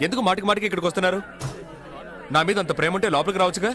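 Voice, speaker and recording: A man's voice: sits high, fairly even intonation, racing, crowd noise, close to an everyday voice. A man playing a cheeky jailed trickster. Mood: teasing. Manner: cheeky and mocking. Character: wily young man jailed as a fraud. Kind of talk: comic film acting.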